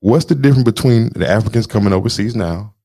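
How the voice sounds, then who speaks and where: A man's voice: on the low side, fast talker, dark tone, dry recording. A man co-hosting a podcast, lecturing emphatically in casual political talk and repeating his points. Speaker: podcast co-host. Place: studio booth.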